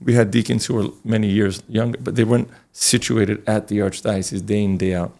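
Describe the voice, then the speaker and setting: A middle-aged man from Connecticut, a priest telling his life story in an earnest, relaxed way as an interview guest. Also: fairly low pitch, brisk. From Connecticut, USA.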